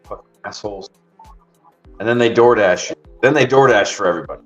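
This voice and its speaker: A man's voice: fairly low pitch, fairly quick. A man streaming while driving deliveries, chatting casually and telling rambling, profane stories with frequent laughs. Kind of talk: casual chat, storytelling. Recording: dull lo-fi stream audio with faint music.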